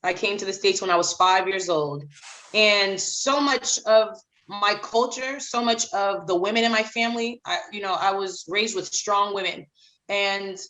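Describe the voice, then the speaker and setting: A woman's voice: medium pitch, unhurried, fairly bright tone, rough recording. Emphatic woman author from Haiti. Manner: emphatic, repeats phrases for emphasis. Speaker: children's author, guest. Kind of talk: podcast interview.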